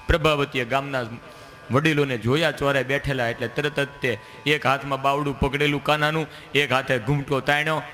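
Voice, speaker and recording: Casting: a male devotional storyteller, folksy and lively, with a bright, forceful tone. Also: medium pitch, a little fast. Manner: lively, folksy, acts out voices. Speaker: religious storyteller.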